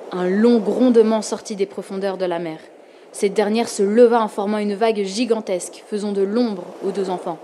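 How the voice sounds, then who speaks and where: A woman narrating a storybook with calm, expressive reading. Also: mid-range voice, a little hiss or hum.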